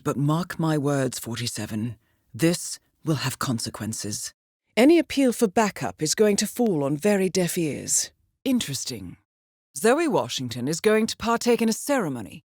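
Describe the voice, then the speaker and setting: A woman voices a poised, dry-witted intelligence handler briefing an assassin in scripted spy-game dialogue. Her fairly low voice is composed and clipped yet expressive and varied, with wry understatement and a grave mood. The sound is close and dry, with no echo.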